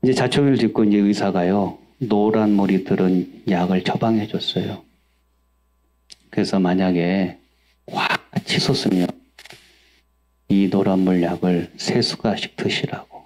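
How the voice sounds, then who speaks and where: A man's voice: deep voice, fairly even intonation, a little slow, a little mellow. A male pastor preaching a sermon, asking the congregation questions and acting out angry outbursts in a raised voice. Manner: asks the congregation questions and answers them himself.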